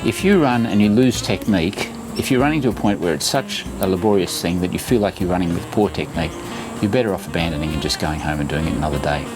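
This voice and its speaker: Older guy in his 60s, pretty low voice, chatty vlog advice, music behind him. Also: quick pace, few pauses, low-quality recording. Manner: chatty, instructive, reassuring. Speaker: running vlogger giving tips. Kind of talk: casual vlog to camera.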